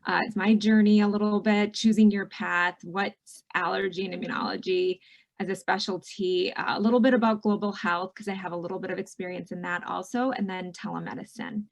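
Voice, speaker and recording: A woman's voice: mid-range voice, steady tone, a little fast, vocal fry, dull audio. A middle-aged woman physician from Michigan giving a casual, friendly online presentation, talking over a video call with frequent ums and you-knows. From Michigan, USA. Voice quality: warm, chatty, many fillers. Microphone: video call mic.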